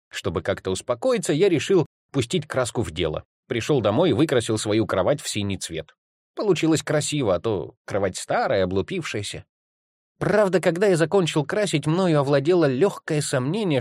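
A man narrates a comic first-person story with wry irony, his voice rising and falling freely as he tells it. The reading is close and dry, with no room around it. His pitch sits in the middle of the range. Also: no echo. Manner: ironic, animated storytelling. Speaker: audiobook reader.

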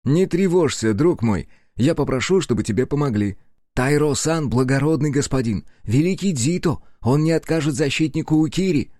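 A man's voice: on the high side, lively intonation, moderate pace, warm tone, no room sound, pitched above the performer's own voice, lightly acted. An eager, hopeful traveling official speaks in a raised, earnest voice, as a male audiobook narrator puts him on. The recording is close and dry. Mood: reassuring. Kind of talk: audiobook character voice.

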